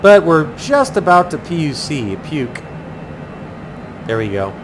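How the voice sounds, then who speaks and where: A man giving a casual flight commentary, chatty and thinking aloud in pilot jargon. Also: unhurried. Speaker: flight simulator pilot and host. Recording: clearly noisy, steady low engine-like rumble.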